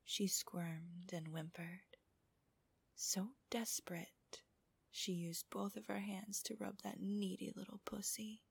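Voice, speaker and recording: A woman narrating an adult ASMR audio in a soft, breathy whisper, with a slow, intimate and teasing manner. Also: mid-range voice, little pitch movement, no room sound. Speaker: host of erotic relaxation audios.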